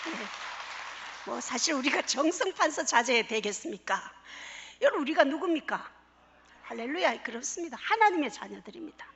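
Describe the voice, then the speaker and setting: A woman's voice: high voice, sing-song, normal speed, fairly bright tone, a faint crowd, a little hiss or hum. A woman from Daegu, a pastor's wife, gives a humorous church testimony and keeps drawing the audience in with questions. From Daegu, South Korea. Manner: playful, engages the audience with questions. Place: church hall. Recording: echoey church hall, dull sound.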